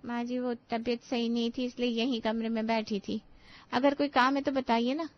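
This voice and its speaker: A woman's voice: a little high, level tone, moderate pace, lightly acted. A woman voicing a polite, deferential young daughter-in-law who pleads and explains herself, in a dull lo-fi recording. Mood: meek. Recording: dull lo-fi sound.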